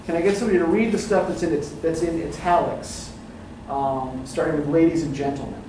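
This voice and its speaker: A literature professor's slightly high voice moves a little fast as he steers class discussion, thoughtful and prone to "um" and asking "right?" The recording comes from a distant mic in an echoey classroom with noise in the background.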